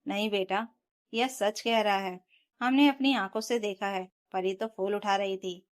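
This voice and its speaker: A woman's voice: medium pitch, fairly even intonation, measured pace, natural voice. Earnest older neighbour who speaks up for the truth, read by a woman narrator. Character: kindly older neighbour woman, honest witness.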